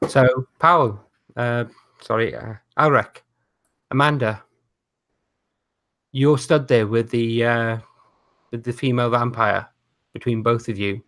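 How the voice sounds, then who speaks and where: A man's voice: medium pitch, fairly even intonation, slow, long pauses, a bit bright. A man narrating a tabletop role-playing game as game master, hesitant and full of fillers.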